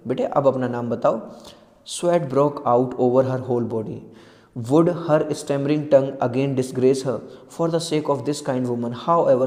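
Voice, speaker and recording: Male teacher, mellow tone, long room reverb. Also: fairly high pitch. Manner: reads English lines slowly, then explains in Hindi. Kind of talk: Hindi-English literature lesson.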